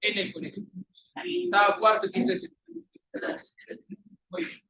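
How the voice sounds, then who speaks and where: A man's voice: sits high, lively intonation, moderate pace, bright, forceful tone. Playful Peruvian male teacher, echoey classroom. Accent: Peruvian Spanish. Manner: playful, teasing banter with students. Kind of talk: classroom lecture. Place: classroom with students. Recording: echoey classroom recorded from a distance.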